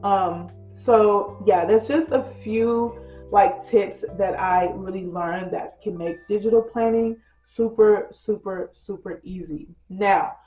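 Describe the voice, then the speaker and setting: A lifestyle vlogger speaks slowly in a mid-range voice with fairly even intonation as she leads a casual tutorial. Slightly congested from a cold, she's chatty and leans on fillers, addressing viewers as "girl" and "you guys." The audio is dull and roomy, backed by soft music.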